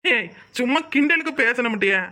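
A woman's voice: on the high side, animated, pushed and bright. A woman voicing a teasing young cartoon husband. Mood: chiding. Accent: Kanyakumari Tamil. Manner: quick, chiding, teasing. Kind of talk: cartoon voice acting.

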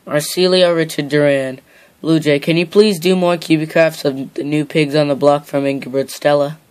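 The host of a homemade puppet show, reading viewer questions aloud in a halting way. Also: mid-range voice, steady tone, darkish tone, clean tone.

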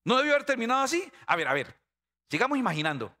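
Bright-voiced pastor preaching. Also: male voice, extremely high pitch, fast. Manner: animated, questions the congregation directly. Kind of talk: sermon.

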